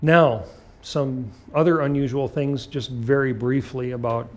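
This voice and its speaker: A man teaches flying in a mid-pitched voice. He explains procedures step by step, speaking in short, clipped phrases and leaning firmly on the key points. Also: fairly even intonation, measured pace. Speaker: flight instructor. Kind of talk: instructional talk with acted radio call examples.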